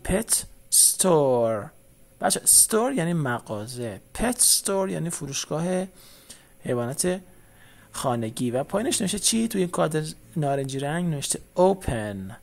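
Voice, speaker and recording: Gravelly man teaching English words slowly. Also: a little high. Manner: slow repeated English words, then Persian meanings. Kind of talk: children's English lesson.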